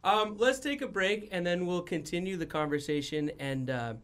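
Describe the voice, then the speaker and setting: In a radio studio, a young podcast host with a high-pitched voice runs a casual interview at normal speed. He rambles, leans heavily on "like," and keeps restarting his sentences.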